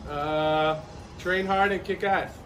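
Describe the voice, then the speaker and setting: A man's voice: high-pitched, fairly even intonation, slow, distant mic, background noise. A man being interviewed outdoors, giving hesitant, brief answers while sitting in an ice bath. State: shivering from cold. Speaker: interview guest, soon-to-be soldier.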